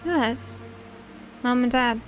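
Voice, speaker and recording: A woman voicing a detached young man in a story game, speaking in a flat, puzzled, matter-of-fact way. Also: on the high side, takes it slowly, faint music behind. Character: detached young man who killed his captors.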